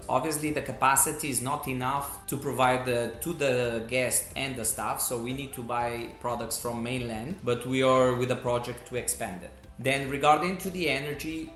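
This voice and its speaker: A middle-aged man who grew up in Portugal, speaking English as an as a resort manager answering interview questions in steady, explanatory phrasing. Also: medium pitch. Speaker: resort general manager, guest. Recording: roomy echo.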